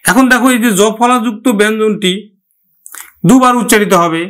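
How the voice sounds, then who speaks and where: Male teacher with a high voice, patient and step-by-step, who drills example words through repetition. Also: a bit bright. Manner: explains slowly, repeats example words. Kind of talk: pronunciation lesson.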